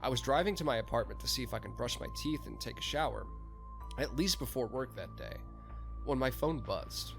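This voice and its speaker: A man's voice: mid-range voice, lively intonation, a little fast, gravelly, over music. A man hosting a podcast, narrating a first-person story and chatting casually, laughing and swearing a lot. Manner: laughs and swears freely in chat.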